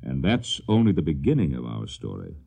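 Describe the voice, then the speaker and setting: A man's voice: very deep voice, wildly swooping pitch, a little fast, creaky. A man hosting a radio drama with solemn, dramatic scripted narration. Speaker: host and narrator.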